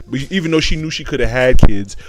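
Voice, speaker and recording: A man's voice: medium pitch, brisk, poor audio. American man riffing in slangy, repetitive commentary. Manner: repeats phrases for emphasis, slangy. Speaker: commentary show host. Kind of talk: casual opinionated commentary.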